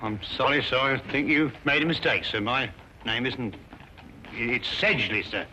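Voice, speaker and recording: A man's voice: medium pitch, unhurried, pushed and bright, a little hiss or hum, low-quality recording. An actor playing a man disguised as a stiff, polite cab driver, formal and exasperated. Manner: formal, repeatedly saying sir, exasperated.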